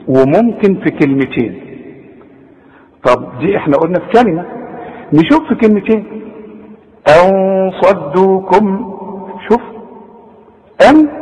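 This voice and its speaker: An Egyptian man teaches recitation in a casual, explanatory way. His voice sits high for a man. He slows down to recite each example with drawn-out nasal tones, and a long reverb trails behind him as if in a hall. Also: a little mellow. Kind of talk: tajweed lesson.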